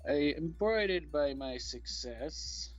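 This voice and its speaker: A man's voice: fairly high pitch, animated, slow. A man streaming a game, reading its story text aloud and cooing at the cats on screen. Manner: coos and talks baby-talk to the cats. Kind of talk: reading a visual novel aloud with banter. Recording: dull lo-fi with faint music.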